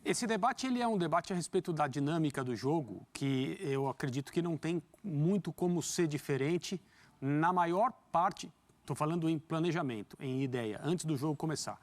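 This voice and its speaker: A man's voice: fairly high pitch, expressive, normal speed. A man giving studio football analysis in an articulate, emphatic way, with rhetorical questions. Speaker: football commentator.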